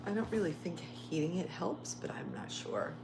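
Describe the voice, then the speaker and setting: A woman's voice: on the low side, very animated, moderate pace, whispered. A woman hosting a casual cooking livestream from a home kitchen, thinking aloud and unsure as she works. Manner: hesitant, thinking aloud while working. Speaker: lifestyle channel host. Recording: echoey room with loud kitchen clatter. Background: dishes and cutlery clatter.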